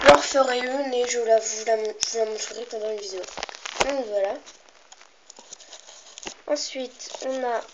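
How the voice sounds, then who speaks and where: Showing her handmade doll furniture, a slightly ill young woman coughs, clears her throat, and chats in a hesitant, rambling way, often interrupting herself. Her voice is on the high side and cracks, captured in a dull, noisy lo-fi home recording.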